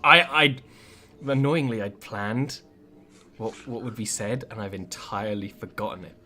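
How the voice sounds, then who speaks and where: A man narrating a tabletop game as game master in a casual, improvised and somewhat halting way. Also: lowish voice, pushed and bright.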